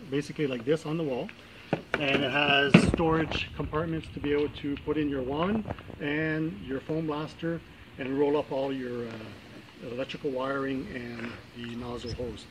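A man's voice: fairly high pitch, background noise. A middle-aged man casually demonstrating a product outdoors in a driveway, talking plainly with many fillers and restarts, picked up by a camera mic at a distance. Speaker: product reviewer.

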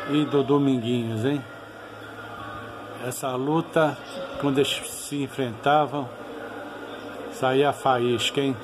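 Brazilian male boxing commentator for a home channel: unhurried, informal and nostalgic, frequent tag questions, over clear background noise. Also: mid-range voice. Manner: repeatedly ends phrases with tag questions.

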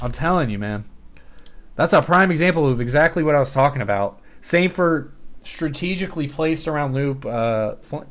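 A young man streaming a game, rambling and swearing as he talks to his chat in casual commentary. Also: on the high side.

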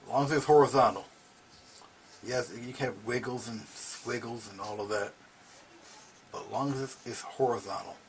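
A middle-aged painting teacher in a small home studio speaks casually at a moderate pace, pausing at length and dropping to low murmurs as he works the brush. The recording is rough, carrying a little hiss or hum.

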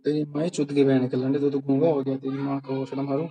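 A man's voice: mid-range voice, little pitch movement, quick pace, mellow, highs cut off, a little hiss or hum. A man on a voice call, delivering a heated, aggressive rant full of taunts and insults. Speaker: caller in a group voice call. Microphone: phone on a voice call, screen-recorded.

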